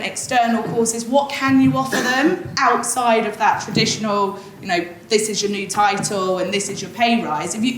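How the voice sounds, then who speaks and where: Chatty woman panelist in an echoey hall. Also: mid-range voice. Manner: candid, chatty, laughs easily. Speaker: panelist, SDR manager. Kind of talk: panel discussion answer. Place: conference hall. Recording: echoey event hall with faint noise.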